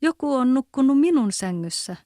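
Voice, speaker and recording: A woman doing a squeaky little bear cub. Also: expressive, warm tone, no echo, studio quality. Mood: upset. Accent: Kven. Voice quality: small high voice. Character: small child bear, squeaky and upset.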